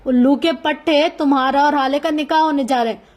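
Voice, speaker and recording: A woman voicing an impatient middle-aged father who speaks loudly and urgently, in a novel reading. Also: sits high, fairly even intonation, natural voice. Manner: fast, loud and urgent.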